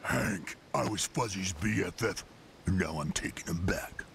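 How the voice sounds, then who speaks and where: An actor voicing a gruff, jealous rival in a cartoon, with a gravelly voice. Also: male voice, low voice, expressive, measured pace, fairly bright tone, a little hiss or hum, exaggerated voice.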